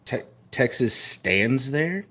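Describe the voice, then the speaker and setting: A man's voice: medium pitch, very animated, slow pace, a bit bright. A man playing a tabletop role-playing game, casually describing what his character does while searching for words. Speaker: player.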